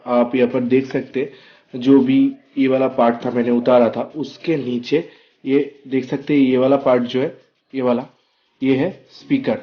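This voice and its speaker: On lo-fi audio, a mid-range male voice guides listeners through a relaxed, hands-on product demo one step at a time. He's a product reviewer vlogger who keeps dropping check-in words to confirm people are with him.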